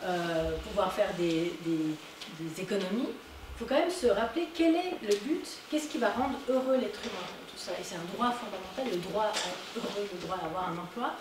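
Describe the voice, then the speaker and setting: A woman giving a conference talk, animated and emphatic on her key points. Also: mid-range voice, moderate pace. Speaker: conference speaker. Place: conference hall. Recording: echoey hall, distant mic, noisy.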